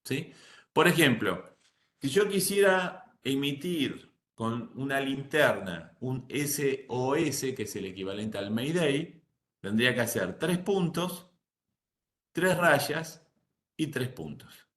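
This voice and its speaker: A man's voice: mid-range voice, lively intonation, slow, fairly bright tone. Man teaching in a roomy echo. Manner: patient, explanatory, checks in with listeners often. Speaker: nautical course instructor. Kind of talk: lecture.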